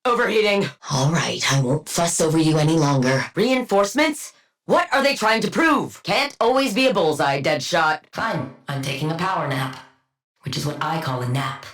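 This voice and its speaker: An actress with a low, lively voice, slightly bright and at normal speed, delivers video game combat barks as a cool, sardonic female scientist supervillain. Her diction is precise and her manner clinical, condescending and dryly witty, with a smug, deadpan mood.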